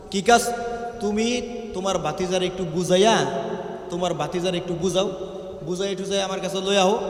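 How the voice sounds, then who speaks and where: Male waz preacher, high voice, call-and-response, long PA reverb. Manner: call-and-response with crowd, sung Quran verses. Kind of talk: Bengali waz sermon. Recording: echoey open-air venue PA.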